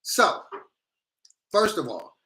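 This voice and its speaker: A man's voice: high-pitched, wildly swooping pitch, very slow, sharp tone. A man chatting casually on a livestream in a blunt, slangy, opinionated way, speaking with a grill on his teeth. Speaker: livestream host.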